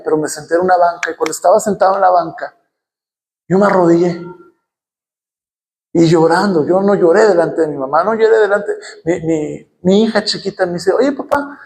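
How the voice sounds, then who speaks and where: A middle-aged man with a Mexican accent, a pastor telling a personal story and then preaching with mounting, shouted passion in a church. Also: a little high. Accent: Mexican Spanish. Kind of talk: sermon.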